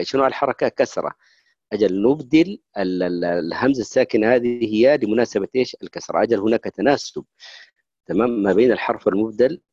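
A man's voice: on the low side, darkish tone, no echo, highs cut off. A man teaching recitation rules in a lecture, often checking in with listeners and stopping to restart his words. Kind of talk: explanatory lecture.

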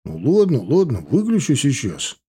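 Simple, slangy man-voiced bandit, lively and husky. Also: mid-range voice, moderate pace, heavily acted. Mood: easygoing. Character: simple-minded male bandit, easygoing and pushy.

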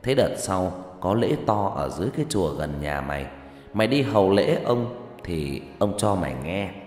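A man doing a gruff, kindly old medium. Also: low voice, sing-song, normal speed, a little mellow. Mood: gruff teasing. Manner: gruff, scolding yet good-humored. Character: kindly old male spirit medium, teasing. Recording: echoey room with faint music.

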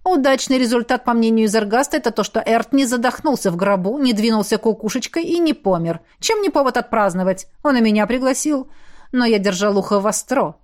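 A woman's voice: a little high, brisk, darkish tone, close to an everyday voice. A woman reading the part of a jealous, hot-tempered young male shapeshifter who growls and sneers. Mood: sneering.

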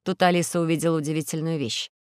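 A woman narrating a children's audiobook in a steady, clear storytelling voice. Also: deep voice, quick pace, dry recording, clean studio sound.

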